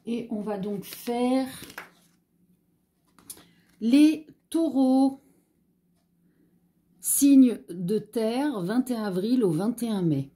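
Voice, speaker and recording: Woman, French accent, tarot reader, slow, mellow, hesitant, lots of fillers, slight frog in the throat. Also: a little high. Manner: hesitant, many fillers, chatty asides. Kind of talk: casual tarot reading to camera.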